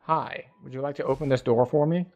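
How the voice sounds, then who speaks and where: A man's voice: medium pitch, steady tone, a little fast, vocal fry, a little mellow, dull audio, soft background music. A man giving casual gameplay commentary, often muttering to himself. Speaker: gamer playing and commenting.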